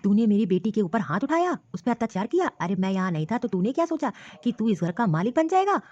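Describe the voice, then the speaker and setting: Stern protective old father-in-law for a cartoon, voiced by a woman, fast scolding delivery, dull dry lo-fi sound. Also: mid-range voice, very animated, warm tone, no echo. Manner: scolding, commanding. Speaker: cartoon voice actor. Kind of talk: storybook cartoon dialogue.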